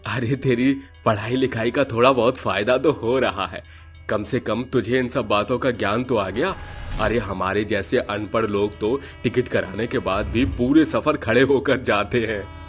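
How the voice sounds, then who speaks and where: A man's voice: medium pitch, measured pace, soft background music, lightly acted. A man voicing a worried, uneducated middle-aged father in a cartoon, fretting and exclaiming. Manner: fretful, exclaiming.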